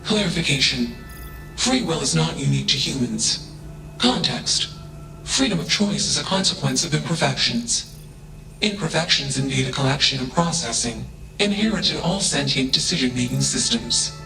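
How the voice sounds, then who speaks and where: A man voicing a cold, logical male AI robot in a video game, speaking in a flat, emotionless way and tagging each statement with a one-word label. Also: medium pitch, normal speed, gravelly, music in the background, low-quality recording. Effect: flat emotionless machine voice.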